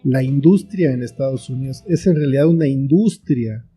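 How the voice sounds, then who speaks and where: A man with a Mexican accent, appearing as an interview guest, is a screenwriter and author who gives reflective, explanatory answers in a conversational way. His mid-range voice is warm and slightly rough, moving at a moderate pace, with faint music in the background.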